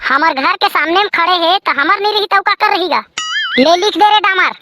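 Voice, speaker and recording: Cartoon comedy, Chhattisgarhi accent, squabbling village characters voiced by one performer, extremely high pitch, noisy audio. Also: fairly quick. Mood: bickering. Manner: squabbling, slangy, teasing. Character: squeaky bickering village cartoon folk. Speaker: voice of cartoon census takers and villagers. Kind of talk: comic cartoon dialogue.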